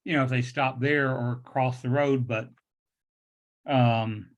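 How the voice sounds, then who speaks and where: A man's voice: mid-range voice, fairly even intonation, takes it slowly. A man in his late fifties speaks firmly and meanderingly at a public meeting, with slightly awkward articulation from new dental implants. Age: late 50s. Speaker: liquor store owner addressing a public meeting. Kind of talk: earnest unscripted remarks at a public meeting. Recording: dull, muffled lo-fi meeting audio.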